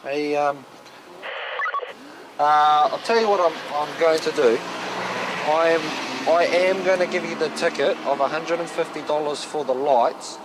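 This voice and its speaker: Blunt high-voiced Kiwi policeman outdoors. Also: steady tone, measured pace. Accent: broad New Zealand. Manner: blunt, firm, colloquial. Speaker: police officer. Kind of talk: on-the-job talk with members of the public. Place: outdoors on a residential street. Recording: noisy outdoor location sound with traffic.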